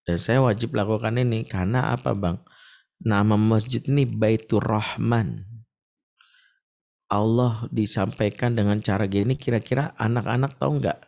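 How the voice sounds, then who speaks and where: A middle-aged man from Indonesia, giving an Islamic lecture full of stories and acting out shouting voices. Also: fairly low pitch, fairly even intonation, moderate pace, vocal fry. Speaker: preacher.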